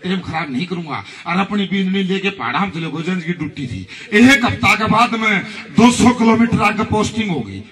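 A man's voice: high voice, a bit bright, recorded from a distance. A man performing folk stage comedy, chanting rhymed couplets in rhythm between jokes. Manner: declaims rhyming couplets in a chanted rhythm, then tells jokes.

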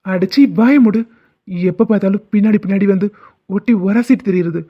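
A man's voice: high voice, brisk, highs cut off. A man voicing a stern young village man in a cartoon, harsh and scolding. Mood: angry. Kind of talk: cartoon dubbing.

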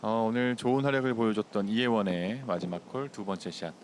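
A man working as a golf commentator, calling live tournament play in short, measured announcements. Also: lowish voice, a little hiss or hum.

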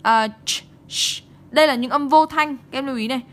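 A woman teaching an online English exam-prep lesson, speaking briskly and checking in with her students again and again. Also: high voice. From Vietnam.

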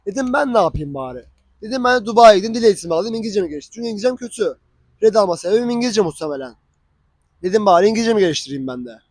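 Genç bir adam, yaşadıklarını diyalogları canlandırarak sohbet havasında anlatıyor. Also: male voice, high-pitched, racing, dry recording. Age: young adult. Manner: animated, acts out dialogue. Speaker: vlogger. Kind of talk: casual storytelling.

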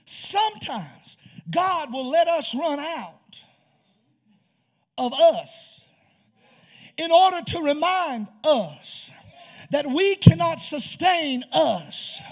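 A man pastor preaching a sermon, building to impassioned, shouted appeals. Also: extremely high pitch, big pitch swings, drawn-out words, long pauses.

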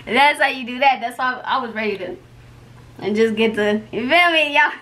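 Young woman, vlog host, slangy chatty patter, slightly high voice, faint background hiss. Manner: playful, slangy, chatty rapid-fire patter. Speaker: YouTube vlogger host. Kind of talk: casual vlog chat to camera. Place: indoors at home.

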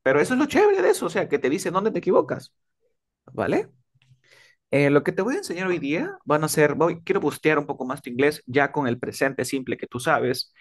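Male tutor, video-call lesson, patient, drills each word slowly and repeats it. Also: fairly high pitch, sing-song. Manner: patient, repeats words slowly to model pronunciation. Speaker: English tutor. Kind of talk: one-on-one online English lesson.

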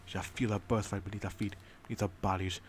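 A man voicing a grandiose male revolutionary leader who declaims a fiery proclamation, in a somewhat low voice. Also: steady tone, quick pace, slight background noise, close to an everyday voice. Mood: rousing.

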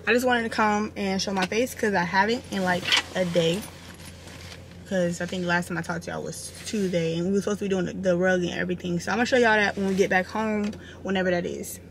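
A woman in her twenties talks a little fast in a steady, mid-range voice, keeping her vlog chat casual and informal. The indoor settings are a parked car and a room at home. Her camera sits close or at arm's length, and its audio is noisy with surrounding sound.

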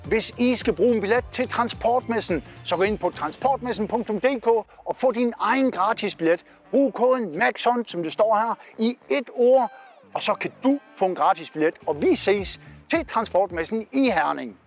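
With a Southern Jutland Danish accent and lively intonation, a cheerful man in his forties hosts his trucker vlog, chatting casually to camera among parked trucks outdoors. His voice is fairly high for a man, and he points while talking. Faint music plays under the lapel mic audio.

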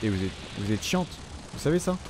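A man's voice: on the low side, sing-song, brisk, noisy background. Chatty man swearing through gameplay commentary. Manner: chatty, swears often, talks to the enemies on screen. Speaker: gaming channel host.

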